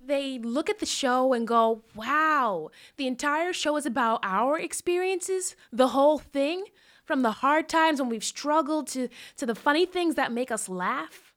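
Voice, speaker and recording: A woman with a high voice serving as a live interpreter, speaking a signer's words aloud in the first person. She moves through them in measured phrases as the signs come. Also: fairly bright tone. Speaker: sign language interpreter.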